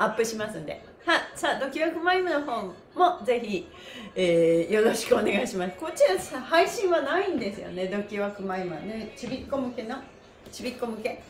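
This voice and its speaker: In a roomy space with echo and slight background noise, a high-pitched woman hosts a livestreamed stretching class. A pantomime performer, she's cheerful and energetic, laughs often, and uses polite presenter phrasing as she gives upbeat instructions and chats casually with viewers.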